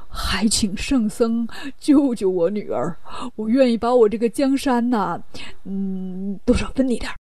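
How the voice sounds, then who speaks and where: A woman's voice: mid-range voice, measured pace, dark tone, no room sound, pitched below the performer's own voice, lightly acted. A woman voicing a worried, fussy human king in a children's storybook telling, pleading and easily startled.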